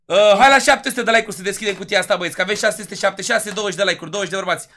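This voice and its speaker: A young man livestreaming a game, talking loudly to his chat, thanking donors and shouting with excitement at wins. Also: high-pitched, a little hiss or hum. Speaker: gaming livestreamer. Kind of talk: hyped livestream commentary.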